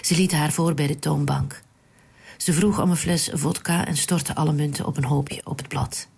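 Gravelly whispered storyteller. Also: medium pitch, steady tone, moderate pace. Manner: hushed, breathy, unvoiced whisper. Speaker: narrator.

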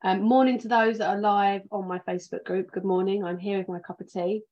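A woman's voice: mid-range voice, steady tone, brisk, a little mellow. Chatty British woman, slightly muffled. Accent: British, southern English. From England. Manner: chatty, rambling with many ums and restarts. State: sleepy. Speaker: podcast host, financial planner. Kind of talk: casual livestream chat.

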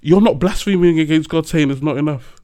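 A man co-hosting a casual chat, animated, laughing often, pressing his points with a preacher's emphasis. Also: on the high side, brisk.

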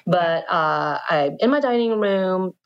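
Woman cohost chatting casually, low voice, kinda muffled home call recording. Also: expressive, takes it slowly, clear, resonant tone. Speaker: podcast co-host. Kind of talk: casual chat. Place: dining room at home. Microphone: home microphone and headset over an internet call. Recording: slightly dull home internet-call recording.

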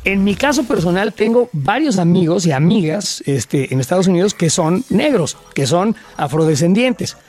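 A man's voice: high-pitched, expressive, normal speed, few pauses, darkish tone. A middle-aged man with a Mexican accent, co-hosting a casual debate chat, emphatic and full of fillers as he tells stories. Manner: emphatic, storytelling with many fillers. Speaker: podcast co-host.

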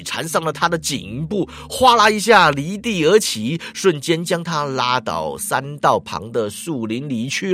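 A man narrating a dramatic story, lively, with drawn-out particles and spoken sound effects. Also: a little high.

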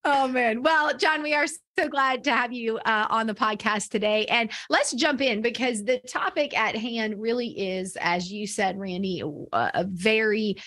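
A woman's voice: on the high side, unhurried, hardly any pauses, fairly bright tone. A woman co-hosting a church leadership podcast, upbeat and welcoming, framing long questions with many fillers. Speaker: podcast co-host. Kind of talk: casual podcast conversation.

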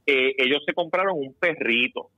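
A man's voice: mid-range voice, moderate pace, no room sound, narrow, tinny audio. A man hosting a casual podcast, telling stories animatedly and swearing casually. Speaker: podcast host.

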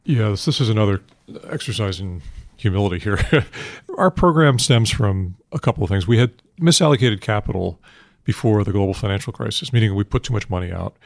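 An older man answering interview questions on finance in a measured, matter-of-fact investment banker manner, heavy with industry jargon. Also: fairly low pitch, expressive, creaky, no echo, studio quality. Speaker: institutional investment manager being interviewed.

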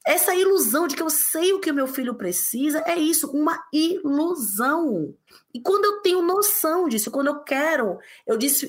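A woman from the interior of Bahia, speaking as a guest in an interview in an emphatic, passionate way with big pitch jumps. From interior of Bahia, Brazil. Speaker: guest, parenting author. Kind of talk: conversational interview.

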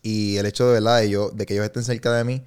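A man's voice: lowish voice, level tone, fast talker, a little mellow, clear, resonant tone. A man from Puerto Rico with a Puerto Rican accent, a guest on a podcast, talking earnestly and often adding tag questions. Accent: Puerto Rican Spanish. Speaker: interview guest, investor. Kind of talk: casual podcast interview.

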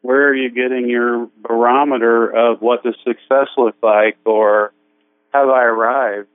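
A man on a tinny phone line whose voice comes through thin, with no bass. The sound is dry and close. He chats in a relaxed, reflective way and jokes now and then. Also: measured pace, smooth, no echo. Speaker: regular co-host calling in. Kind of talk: casual radio talk.

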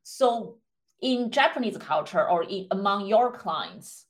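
A woman hosting a podcast, speaking in a measured, clear, explanatory way as she introduces the topic and interviews a guest. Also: medium pitch, expressive. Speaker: podcast host, clinical psychologist.

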